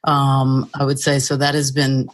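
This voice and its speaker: A woman hosting a podcast in easy casual chat, playful and quick to laugh. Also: a bass voice, monotone. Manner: playful, laughs often, breezy. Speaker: podcast host.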